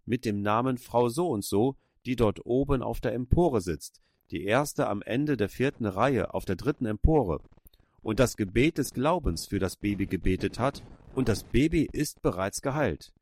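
A man's voice: medium pitch, expressive, moderate pace, a little mellow, no echo. A man preaching a sermon, retelling a story in an earnest manner and urging his listeners on with emphatic exhortations.

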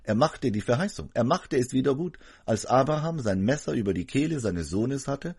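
Man for a sermon voice-over, earnest and emphatic, slightly husky, lively intonation. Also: mid-range voice, moderate pace. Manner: earnest, emphatic preaching address to a congregation. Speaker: preacher.

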